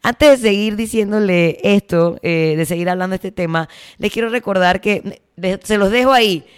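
A woman's voice: mid-range voice, moderate pace, clear, resonant tone. A woman with a Panamanian accent hosting a podcast, talking bluntly in slang with crude jokes. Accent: Panamanian Spanish. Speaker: podcast host. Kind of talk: casual podcast monologue.

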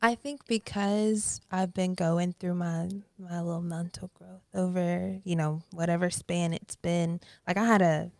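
A woman in her twenties talks as a guest on a podcast, chatty and animated, now and then sinking into a whisper. Her voice sits low with a gravelly fry. It is recorded close and dry. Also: unhurried, few pauses, no room sound. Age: 20s. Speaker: guest artist. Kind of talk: casual podcast conversation.

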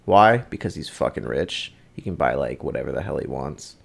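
A man's voice: very deep voice, animated, normal speed, creaky. A young man co-hosting a podcast, chatting casually in a crude, joking way and laughing often. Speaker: podcast co-host. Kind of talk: casual chat.

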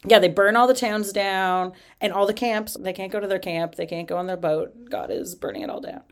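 A woman co-hosting a casual podcast, reading scripture aloud with sarcastic, swearing, deadpan asides. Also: medium pitch, fairly quick. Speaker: podcast co-host.

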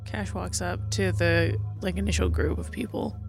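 A woman's voice: fairly low pitch, little pitch movement, normal speed, music in the background. A woman playing a tabletop game, describing her character's moves in casual improvised speech.

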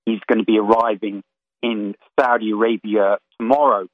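A man calling in to a radio talk show, giving a rapid, detailed briefing on world affairs. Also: fairly low pitch, fairly even intonation, dry recording. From Florida. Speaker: caller. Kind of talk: call-in radio commentary. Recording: tinny phone line.

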